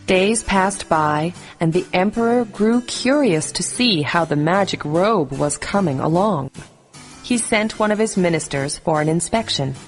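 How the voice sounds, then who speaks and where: A woman reading a scripted bedtime story for children in a clear, expressive storybook delivery. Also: on the low side, a little slow, soft background music.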